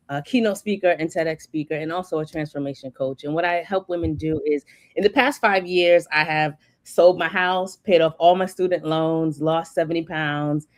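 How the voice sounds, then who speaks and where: A woman's voice: lowish voice, no echo. A woman in her forties, a guest coach and speaker, talking candidly in a conversational interview over a video call. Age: 40s.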